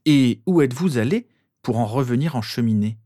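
A man's voice: medium pitch, expressive, fairly quick, dark tone, no echo, studio quality, close to an everyday voice. A man voicing a cold, firm father who hands out punishments. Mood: stern.

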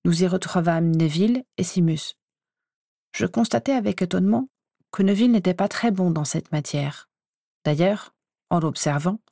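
A woman reading a first-person story aloud in an even, measured way. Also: lowish voice, no room sound, clean studio sound. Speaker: audiobook reader.

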